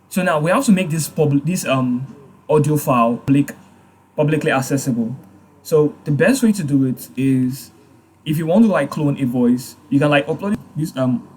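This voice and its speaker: A man hosting a casual software tutorial, hesitant, with many fillers and restarts. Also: mid-range voice, a little hiss or hum. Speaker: tutorial host. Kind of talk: casual screen-recorded tutorial.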